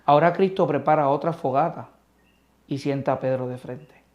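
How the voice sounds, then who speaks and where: A man preaching through a Bible lesson in a slightly high voice. He swings from forceful emphasis down to hushed, almost whispered words. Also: moderate pace, highs cut off. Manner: expressive, swings between loud emphasis and soft near-whispers. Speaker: Bible teacher.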